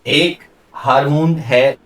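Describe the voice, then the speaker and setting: A man's voice: a little high, fairly even intonation, a bit bright, slight background noise. A male religious scholar giving a classroom lecture, putting questions to his listeners and mixing English terms into his explanations. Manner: quizzes the audience with questions and mixes in English terms.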